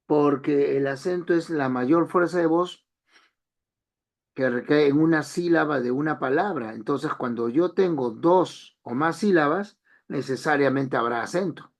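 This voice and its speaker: A man's voice: on the high side, unhurried. A man teaching an online language class, explaining step by step and repeating key phrases.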